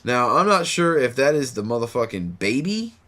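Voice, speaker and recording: A man's voice: medium pitch, very animated, moderate pace, pushed and bright. A tired male podcast host chatting casually late at night. He rambles loosely and swears freely, with an ordinary mid-range voice.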